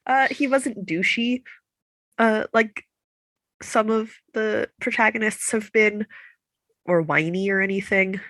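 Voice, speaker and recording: A woman chatting casually as a book podcast co-host, playful and quick to laugh, her voice congested because she can't breathe through her nose. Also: mid-range voice, no room sound. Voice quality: congested, stuffy blocked-nose voice. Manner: playful, animated, laughs easily. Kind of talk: casual chat.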